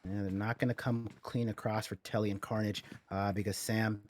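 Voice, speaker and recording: A low-pitched man calls the action of a shooter tournament as its host. He moves from easy banter into quick, running play-by-play, with a faint hiss of background noise under his voice. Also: level tone. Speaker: esports caster. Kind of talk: esports play-by-play commentary.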